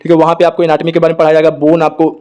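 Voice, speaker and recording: A man's voice: fairly high pitch, clean tone. A young man, a doctor, giving casual advice to students and checking in with "okay" after almost every point. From India. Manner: talks fast in a flat tone, with constant "ठीक है" check-ins. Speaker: doctor giving study guidance.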